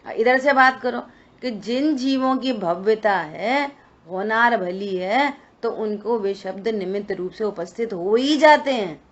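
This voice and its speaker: A woman's voice: medium pitch, measured pace. A woman teaching a scripture study session, explaining points and answering her own questions. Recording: dull lo-fi recording.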